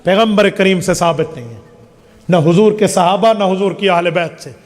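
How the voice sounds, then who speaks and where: A man's voice: high-pitched, moderate pace. A male Islamic scholar answers religious questions emphatically, firing rhetorical questions and listing points one by one. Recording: long hall reverb.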